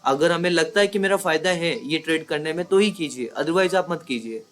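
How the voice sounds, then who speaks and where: A trading mentor with a voice on the high side gives an explanatory lesson at a fairly quick pace, faint music playing behind him. He talks conversationally, repeating points and often checking in with listeners through rhetorical questions.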